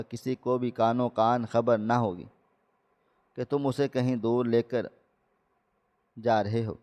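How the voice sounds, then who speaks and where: A man's voice: medium pitch, a little mellow, long reverb tail, lightly acted. A man voicing an earnest, compassionate traveller. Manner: earnest, urgent pleading.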